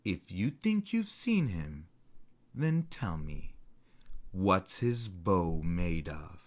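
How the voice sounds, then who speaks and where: A storyteller voicing a stern sister who guards her brother, forceful and challenging in a read-aloud folktale. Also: low-pitched, big pitch swings, very slow, exaggerated voice. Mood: measured, testing.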